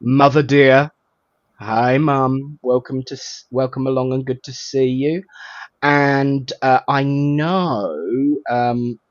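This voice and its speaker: Male host, Estuary English accent, chatty and colloquial, mid-pitched, on dry, slightly dull online audio. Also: fairly even intonation, slow pace, no echo. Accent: southern English Estuary. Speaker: host of an online spiritual service. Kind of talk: informal welcoming of guests and viewers.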